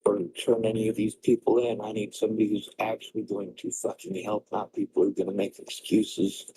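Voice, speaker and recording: A man's voice: mid-range voice, warm tone, low-quality recording. A man ranting furiously at his viewers during a livestream, anguished and in emotional distress, swearing heavily. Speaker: streamer. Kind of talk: raw livestream rant.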